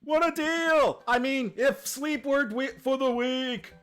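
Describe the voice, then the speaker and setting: A man voicing a sarcastic teenage girl in her last year of high school, teasing her dad with deadpan quips in a game playthrough. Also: measured pace, clear, resonant tone. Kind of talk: playthrough voice acting.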